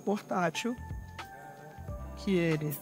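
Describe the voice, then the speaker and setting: A Brazilian man in his thirties, a barista, explaining his trail coffee gear in a relaxed, hands-on way outdoors in a forest. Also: high-pitched, takes it slowly, music in the background. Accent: Brazilian Portuguese. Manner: relaxed, explanatory, handles gear while talking. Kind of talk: casual outdoor demonstration.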